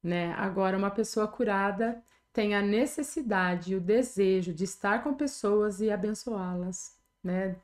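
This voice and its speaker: A little slow and a little mellow, this woman's mid-range voice runs on with few pauses. She's a middle-aged Brazilian pastor with a Brazilian Portuguese accent, telling a personal testimony in an earnest, conversational manner and frequently ending with tag questions.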